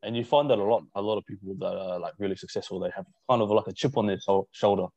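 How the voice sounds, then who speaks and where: A man's voice: fairly low pitch, fast talker, dark tone. A man hosting a casual, slangy interview. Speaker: podcast host. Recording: slightly dull call audio.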